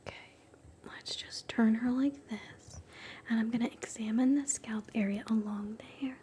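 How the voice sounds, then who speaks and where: A woman whispering softly through an ASMR scalp-exam role play, chatting gently with live viewers between slow steps. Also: on the high side, fairly even intonation, slight background noise. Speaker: ASMR livestream host.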